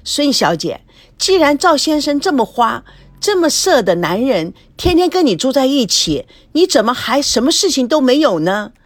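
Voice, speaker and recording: A woman voicing a smug young ex-husband who teases and mocks in a storybook reading, with a lively, animated delivery. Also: high-pitched, moderate pace, dry recording, pitched above the performer's own voice. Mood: mocking. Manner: teasing, mocking.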